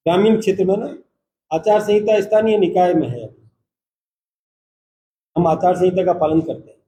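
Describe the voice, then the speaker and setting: A man, a party state president, giving a formal, measured press conference statement and taking reporters' questions in turn. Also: sits high, dark tone. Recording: roomy echoey hall.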